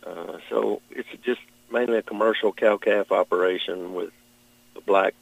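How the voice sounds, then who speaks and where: Middle-aged southern guy from kentucky, farmer being interviewed, low creaky voice, kinda halting. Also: steady tone, no echo, rough recording. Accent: Southern American, Kentucky. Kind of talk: plain-spoken radio interview answers.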